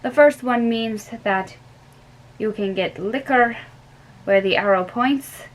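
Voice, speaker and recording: A young woman with a fairly high voice slowly reads aloud as a weary, middle-aged male professor, putting on a German accent and speaking emphatically and earnestly. She's recorded close up on a webcam in a small bedroom, and the recording is rough.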